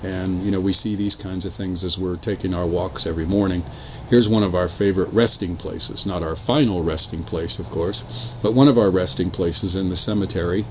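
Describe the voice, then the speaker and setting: A man casually narrating his own photos in a measured, matter-of-fact way, without a script. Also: sits low. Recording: clearly noisy home recording, steady hum.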